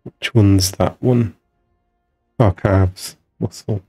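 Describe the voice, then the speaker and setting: A man's voice: fairly low pitch, fairly even intonation, drawn-out words, dark tone, breathy edge, faint music behind. A man giving casual, musing commentary while streaming a video game, talking half to himself as he tinkers with settings.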